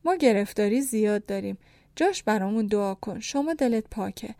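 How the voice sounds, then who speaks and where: A woman's voice: mid-range voice, expressive, warm tone, no room sound, natural voice. A woman voicing a male street sock seller who talks brusquely with condescending pity.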